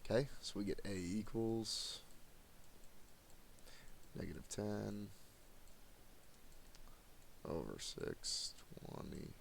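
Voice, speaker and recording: A tired man teaching math to his students in a recorded lesson, speaking in a monotone and addressing the class directly. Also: on the low side, takes it slowly, vocal fry, pauses often, a little hiss or hum.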